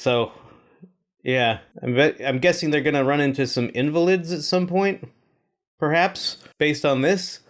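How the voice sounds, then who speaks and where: A man chatting casually as he hosts a movie reaction video, amused with himself and full of hesitant fillers. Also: a little high.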